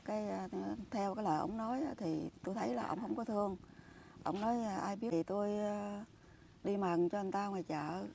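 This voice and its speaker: A woman's voice: medium pitch, brisk, gravelly, warm tone, a little hiss or hum. Older Mekong Delta woman telling her story. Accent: Southern Vietnamese, Mekong Delta. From Mekong Delta, southern Vietnam. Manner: earnest, emphatic storytelling. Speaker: interviewee. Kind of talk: personal account in an interview.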